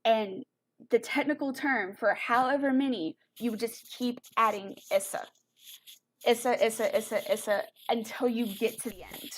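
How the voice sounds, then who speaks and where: A young woman teaching an online music lesson over a computer mic, explaining in a chatty way with fillers and self-corrections. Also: fairly high pitch.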